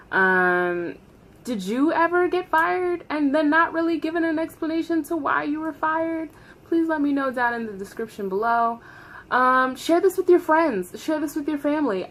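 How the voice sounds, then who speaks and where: A woman telling a casual, gossipy storytime into her phone, animated, with dramatic emphasis and acted-out dialogue. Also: on the high side, rough recording. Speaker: vlogger telling a personal story.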